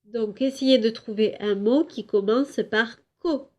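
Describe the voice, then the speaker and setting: A woman teaching a home lesson to young children, slowly clapping out syllables and drawing out words for them. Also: fairly high pitch, mellow. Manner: slow, clear syllable-by-syllable teaching; drawn-out, emphatic words for children. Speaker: kindergarten teacher.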